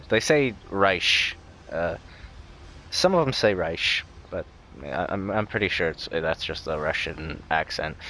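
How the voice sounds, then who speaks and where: A young man hosts a casual gaming let's-play with game music behind him and a faint hiss or hum. His low voice sounds pushed and bright as he rambles, cracks jokes, and keeps correcting himself.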